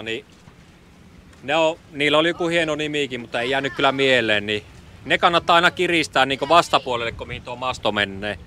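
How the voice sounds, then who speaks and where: A middle-aged Finnish sailing vlogger casually narrates his trip to an action camera mounted on the boat, thinking aloud with plenty of fillers. His voice is mid-range and sharp. He sits in the sailboat cockpit outdoors under a canopy, with wind and water noise behind.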